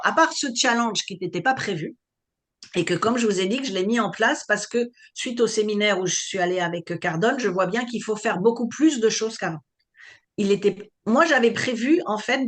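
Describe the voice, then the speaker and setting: Woman coach teaching a live webinar, explains patiently, keeps asking if it's clear. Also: mid-range voice. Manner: explanatory, checks on listeners with questions. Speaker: online business coach.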